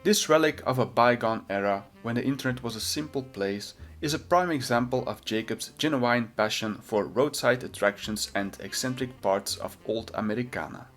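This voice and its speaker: A man's voice: mid-range voice, moderate pace, hardly any pauses, a bit bright, soft background music. A man delivering scripted video essay commentary in a sardonic, mocking manner.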